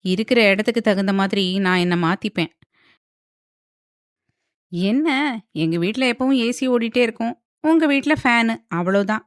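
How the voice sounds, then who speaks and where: A woman voicing a brisk young wife who speaks bluntly and wryly. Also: medium pitch, dry recording, clean studio sound, close to an everyday voice.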